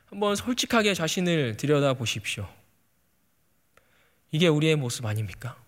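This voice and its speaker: High, bright-voiced male preacher in a hall. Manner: earnest, repeatedly addresses the congregation; reads scripture aloud and quotes it dramatically. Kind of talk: sermon. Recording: long hall reverb.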